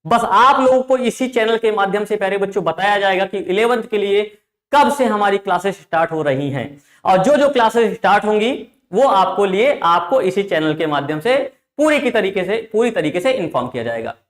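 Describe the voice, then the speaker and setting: A man's voice: high-pitched, lively intonation, fairly quick, roomy sound. A man teaching an online class, talking emphatically and repeating his phrases as he addresses the students. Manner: emphatic, repeats phrases, often calls listeners "dear children". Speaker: online tutor.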